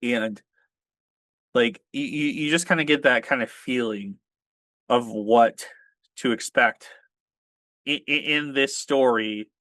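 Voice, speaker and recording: A man in a casual group podcast who talks in halting, restarting phrases and often stammers. His voice sits at an ordinary middle pitch. The sound is dry and close, with little room around it. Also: fairly bright tone, no echo. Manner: hesitant, stammering, many restarts. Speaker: podcast co-host.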